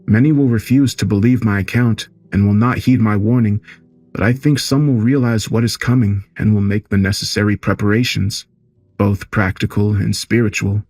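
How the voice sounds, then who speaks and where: A man's voice: fairly low pitch, steady tone, moderate pace, a little mellow, no echo. A man narrating solemnly and earnestly, as if giving a warning. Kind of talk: scripted horror narration.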